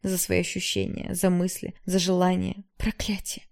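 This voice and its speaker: A woman reading a first-person novel aloud in a steady, emotive storytelling manner. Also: lowish voice, fairly quick, vocal fry. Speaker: audiobook narrator.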